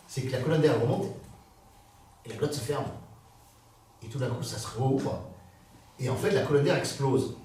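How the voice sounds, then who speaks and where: A man giving a public talk, explaining with animated energy and sounding out consonants and vowels to show what he means. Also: mid-range voice, a little hiss or hum. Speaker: guest author. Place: public hall. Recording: very echoey hall from far off.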